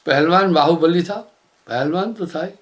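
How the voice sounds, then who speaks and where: A man giving a sermon as a spiritual teacher, telling moral stories in an unhurried way and chanting verses slowly. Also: on the high side. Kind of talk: sermon with storytelling.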